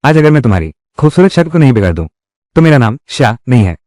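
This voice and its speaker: A man's voice: medium pitch, big pitch swings, fast, darkish tone, dry recording. Guy dubbing a whole drama alone, voice jumps around a lot, argues hard, dry sound. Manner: heated, quarrelsome dialogue delivery. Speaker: dubbing voice for all roles.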